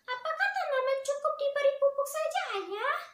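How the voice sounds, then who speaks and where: A young woman teacher reading aloud as an eager schoolgirl asking her father questions, in a high, earnest, sing-song voice. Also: moderate pace, a bit bright. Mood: curious. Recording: echoey classroom from far off.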